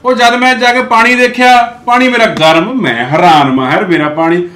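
A man's voice: high voice, fairly even intonation, normal speed, a bit bright, roomy sound. A man playing a flustered, exclaiming brother-in-law. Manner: exclaiming, bewildered, then apologetic. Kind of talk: amateur village short-film acting.

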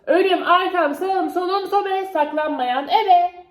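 A woman's voice: very high-pitched, slow pace. A woman whispering while hiding, talking secretively to viewers in a casual game vlog. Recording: roomy echo, faint background noise.

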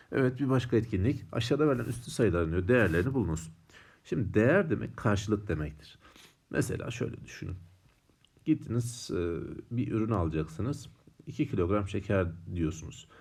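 Male math teacher, lower voice, mellow tone, lively pitch, patient and repetitive, quizzes his students. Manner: patient, repeats and asks the students questions. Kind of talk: classroom math lesson.

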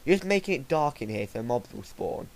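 A man's voice: mid-range voice, big pitch swings, fairly quick, vocal fry. A man livestreaming a game, chatting casually and trading crude, mock-threatening banter with a friend. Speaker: livestreaming gamer. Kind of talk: casual gaming chat.

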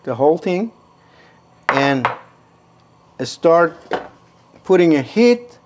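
A man in his sixties with a Persian accent, explaining a home cooking recipe step by step in an unhurried way from his kitchen. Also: on the high side, big pitch swings, noisy background. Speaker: cooking show host.

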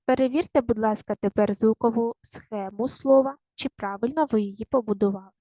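Slow, careful primary teacher, woman. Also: on the high side, mellow, no room sound. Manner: slow, careful, repeats words with stress. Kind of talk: online lesson for children.

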